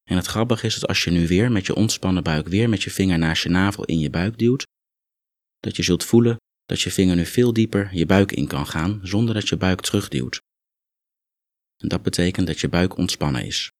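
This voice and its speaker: A man guiding a muscle relaxation meditation, calm and instructive, gently coaxing the listener along. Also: deep voice, brisk, no echo. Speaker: relaxation exercise guide.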